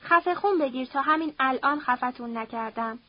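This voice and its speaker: A woman's voice: high-pitched, no room sound, lo-fi sound. A woman reading an audiobook, voicing a furious, domineering older father who hurls coarse threats. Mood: raging. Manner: shouting threats, harsh and coarse.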